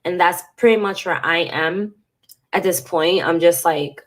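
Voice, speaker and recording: A lowish, unhurried female voice belongs to a vlogger who sounds stuffed up and congested. She talks to camera in a candid, frank and emotional way, with casual swearing.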